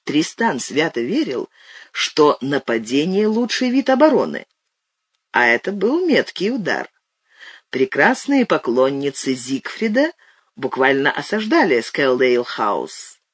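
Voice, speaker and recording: A man narrating an audiobook with expressive, animated storytelling. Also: a little high, measured pace, husky, no echo, studio quality. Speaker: audiobook reader. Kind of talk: scripted narration.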